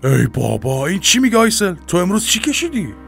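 A man's voice: sits high, huge pitch swings, creaky, soft background music, full character voice. A man dubbing a middle-aged husband with a sore throat, defensive and exasperated under accusation. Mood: indignant. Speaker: husband in family drama. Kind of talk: Persian dub of a TV drama.

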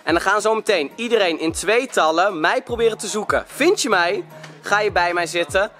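A young man hosting a casual vlog in slangy, excitable chat, speaking into a handheld camera. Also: high-pitched, moderate pace, soft background music. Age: young adult. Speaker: vlogger hosting a hide-and-seek game. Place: inside a closed cinema. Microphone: handheld camera at arm's length.

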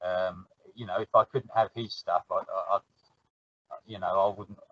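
A man's voice: sits low, fairly even intonation, normal speed, slightly rough, no room sound. Casual South London man, rambling and good-humoured; dry, slightly muffled audio. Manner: chatty, laughs easily, trails off and restarts. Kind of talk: casual chat.

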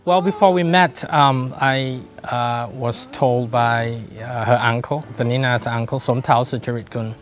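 A middle-aged Thai man recalling how he met his fiancée in a sit-down interview, pausing often with ums and uhs. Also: mid-range voice, steady tone. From Thailand. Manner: hesitant, many ums and uhs. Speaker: groom-to-be interviewee. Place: bright sunroom by a garden. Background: soft music.

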